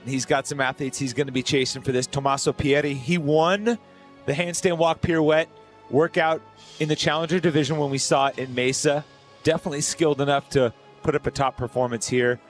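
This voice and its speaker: A man's voice: on the high side, steady tone, a little fast, soft background music. A man giving analytical sports commentary on athletes and their past form.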